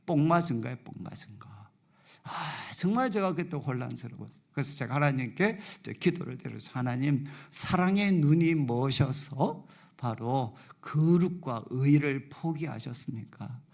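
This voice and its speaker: A male pastor preaching a sermon in a church, acting out dialogue with God in a softer voice. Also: mid-range voice, moderate pace, gravelly. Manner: animated preaching, acting out God's voice softly. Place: church sanctuary.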